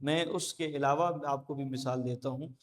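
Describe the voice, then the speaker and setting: A man giving a classroom lecture at a board, explaining slowly with frequent pauses and fillers. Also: medium pitch, steady tone. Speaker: teacher. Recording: long hall reverb.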